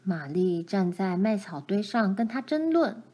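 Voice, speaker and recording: A woman reading a children's storybook chapter aloud, gentle and expressive. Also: medium pitch, unhurried.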